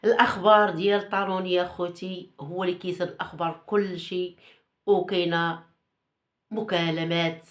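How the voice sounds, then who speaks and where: A woman's voice: lowish voice, level tone, moderate pace. A woman with a Moroccan Arabic accent hosting a gossip channel, talking casually and teasingly with rhetorical questions and repeated phrases.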